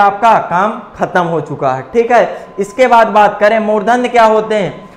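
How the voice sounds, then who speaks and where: A man's voice: sits high, reverberant. A man teaching a class, drilling students by asking questions and answering them himself. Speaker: coaching teacher. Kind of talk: classroom lecture.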